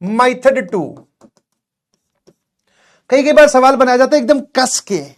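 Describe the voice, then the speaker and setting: A man's voice: very high-pitched, expressive, slow. A man teaching math in a lecture, playful, acting out both sides of a dialogue with his students.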